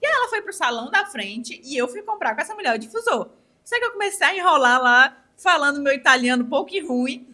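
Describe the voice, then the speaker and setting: Young woman, Ceará accent, bright high voice, lively storyteller, podcast guest. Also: fast. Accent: Ceará Brazilian Portuguese. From Brazil. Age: 20s. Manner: animated storytelling, acts out quoted dialogue. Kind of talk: casual interview chat.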